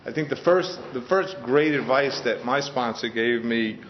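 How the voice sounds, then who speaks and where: A man's voice: medium pitch, moderate pace, a little hiss or hum. A middle-aged man from Queens gives an earnest, heartfelt personal testimony to a group at a meeting, often restarting his sentences. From Queens, New York. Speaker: speaker sharing his story at a recovery meeting. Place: meeting room in front of a group. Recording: dull lo-fi sound.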